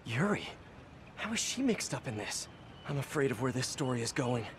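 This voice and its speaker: A man voicing a young male superhero who quips and rambles to himself, in a game with steady background noise. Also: mid-range voice, moderate pace, close to an everyday voice. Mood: wry.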